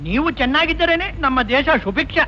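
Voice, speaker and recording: An actor playing a fussy, sarcastic hotel owner who mutters asides to himself, in old film dialogue. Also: male voice, very high-pitched, expressive, fast talker, a little hiss or hum. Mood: grumbling. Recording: dull old film soundtrack with music.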